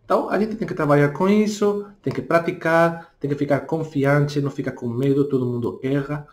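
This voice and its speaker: A man's voice: fairly high pitch, fairly even intonation. Man with a Spanish accent teaching. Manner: talks deliberately slowly, tags questions with "não?". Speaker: language teacher. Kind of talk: casual spoken lesson to camera.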